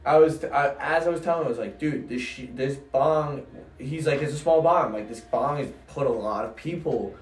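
A young guy talks like a frat bro in casual, sweary slang. His voice sits at a middling male pitch. He sounds a bit away from the mic in an echoey room. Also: moderate pace, distant mic. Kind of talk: casual chat.

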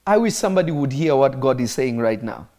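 A man delivers a streamed sermon in a voice of ordinary pitch. He is emphatic and repeats phrases several times to press his point. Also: lively intonation, quick pace, darkish tone. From Kenya. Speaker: preacher. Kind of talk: live-streamed sermon teaching.

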